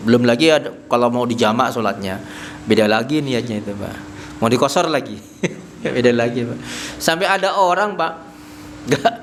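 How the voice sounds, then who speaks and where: Mid-pitched man, an Islamic teacher leading a mosque study circle, talking to the congregation in short conversational bursts. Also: expressive, normal speed, a little hiss or hum. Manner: tags nearly every phrase with "Pak"; asks the audience questions and answers them himself. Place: small prayer hall.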